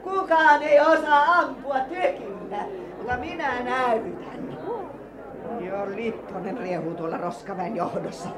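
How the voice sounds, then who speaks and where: A woman's voice: fairly high pitch, crowd noise, background noise, lightly acted. An actress playing an imperious, ruthless queen who gives cold commands, in a vintage radio drama. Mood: commanding.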